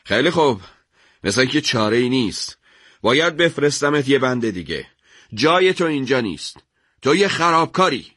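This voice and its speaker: A man voicing a bullying, threatening male prison major in a radio story, shouting at a prisoner. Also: medium pitch, very animated, no room sound, studio quality, pitched above the performer's own voice. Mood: furious. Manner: shouting, bullying, then coaxing.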